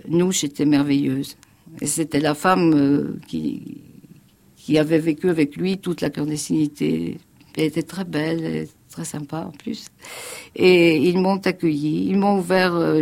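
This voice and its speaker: Gravelly older woman recounting memories. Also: low voice, darkish tone. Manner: halting, full of fillers and restarts; vivid storyteller quoting others. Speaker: witness recounting her past. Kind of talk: spoken memoir on radio.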